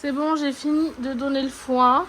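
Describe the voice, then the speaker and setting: A woman's voice: high voice, fairly even intonation, moderate pace, fairly bright tone, slight background noise. A woman from France chatting casually in a vlog while doing stable chores outdoors, grumbling and talking to her viewers. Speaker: horse-owning vlogger.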